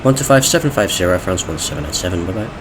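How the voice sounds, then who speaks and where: A man with a lowish voice speaks as a pilot in the cockpit, reading back clearances and calling out each takeoff step. His delivery is clipped and procedural. A clear cockpit hum runs steadily under the voice. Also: sing-song, rapid-fire. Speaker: flight simulator pilot. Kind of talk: pilot cockpit radio calls and callouts.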